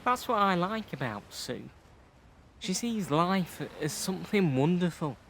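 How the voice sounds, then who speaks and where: A man's voice: high-pitched, unhurried, vocal fry, a little hiss or hum, full character voice. Young man as sensible teenage boy John. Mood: easygoing. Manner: steady, reasonable. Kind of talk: youth theatre audio play.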